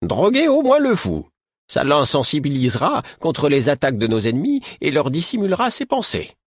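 A man voicing a stern, fretful woman in a storybook, speaking sharply and reproachfully in a raised, husky voice. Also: low-pitched, huge pitch swings, normal speed, no room sound, clean studio sound, pitched above the performer's own voice, exaggerated voice. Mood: scolding.

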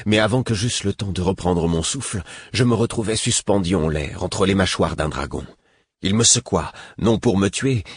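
A man reads a fantasy audiobook in the first person with a steady, measured delivery. His voice is very low and husky, and the recording is close and dry with no room sound. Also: no room sound. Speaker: audiobook narrator. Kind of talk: scripted first-person narration.

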